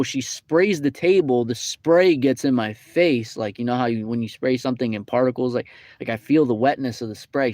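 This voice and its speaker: A man's voice: medium pitch, a little mellow, no echo. A young man casually telling a rambling, indignant story with many fillers. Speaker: vlogger. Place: fast-food restaurant.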